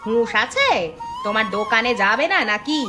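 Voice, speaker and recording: A woman's voice: on the high side, animated, normal speed, natural voice. A woman voicing a bossy, practical village housewife and mother in a cartoon, scolding and bustling. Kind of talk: cartoon voice acting. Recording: cartoon soundtrack with loud music.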